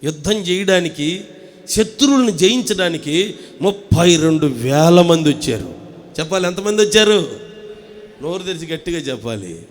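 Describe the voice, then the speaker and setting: A pastor from Andhra Pradesh, India, preaching a fervent sermon in church. He calls on the congregation to answer, swinging between loud proclaiming and hushed storytelling. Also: a little high, lively intonation, normal speed. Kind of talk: impassioned sermon.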